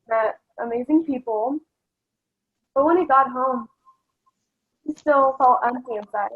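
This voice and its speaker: A woman on a video call telling a story at a memorial in a slow, measured way, heard through a laptop speaker. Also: high-pitched, breathy edge, lo-fi sound. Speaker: family member at a memorial. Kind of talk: telling a story while folding paper.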